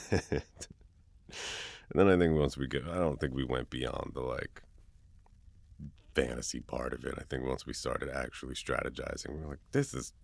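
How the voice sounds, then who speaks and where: A young man in a whispered role-play as a best friend, casual and swearing, teasing then gently comforting, close to the mic. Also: extremely low pitch, creaky, no room sound. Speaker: ASMR boyfriend role-play performer.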